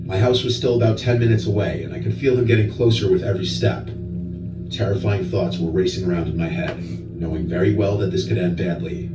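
A man reading a scripted horror story in a calm, even storytelling manner. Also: sits low, fairly quick. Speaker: narrator of a horror story video. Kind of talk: scripted narration. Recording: echoey, distant playback with loud music. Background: background music from the played video.

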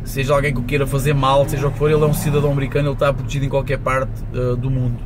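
A vlogger of about forty with a European Portuguese accent rambles casually to the camera while driving, dropping in English words. His mid-range voice stays level and races along. He's inside a moving van cab, and loud road, engine, and traffic noise fill the recording.

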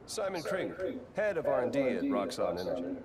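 An actor playing a smooth, glad-handing male corporate executive in a video game cutscene, chummy and salesman-like with hesitant fillers. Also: mid-range voice, very animated, moderate pace, natural voice. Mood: friendly. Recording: roomy game audio, distant, loud crowd.

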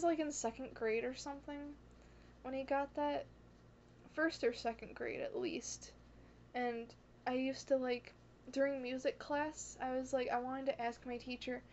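Casting: young woman vlogger, high voice, excitable, rambling, self-conscious. Dull, lo-fi recording. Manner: excitable, gushing, heavy on "like" and "oh my god"; self-conscious, apologetic asides. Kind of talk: casual rambling chat. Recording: dull lo-fi audio with faint hiss.

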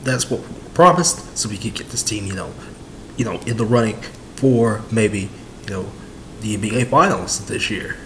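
A man's voice: fairly low pitch, normal speed, a bit bright, slight background noise. A young man in his twenties giving casual sports commentary on his home vlog, rambling with lots of fillers and repeats, recorded on a webcam in a small room. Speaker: sports vlogger. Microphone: webcam at desk.

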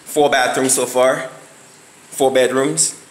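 Speaking slowly in a medium-pitched, fairly even voice, a man films a casual tour of an empty house on his phone, wandering indoors and onto balconies. He rambles and searches for words with lots of fillers, and the audio quality is poor.

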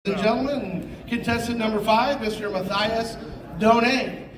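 A male auctioneer announces and chants bids at a live sale. His pitch is extremely high for a man. He sounds far from the mic in an echoey hall, with a crowd clearly audible. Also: unhurried. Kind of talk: live auction calling with repetitive number chant. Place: large indoor hotel conference room. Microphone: audience phone camera, at a distance.

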